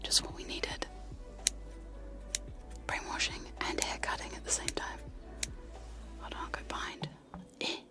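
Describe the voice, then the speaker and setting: A young ASMR streamer whispers softly close to sensitive microphones in a casual, giggly chat with trigger sounds, often poking fun at herself. She speaks a little slowly with long pauses, and music plays in the background.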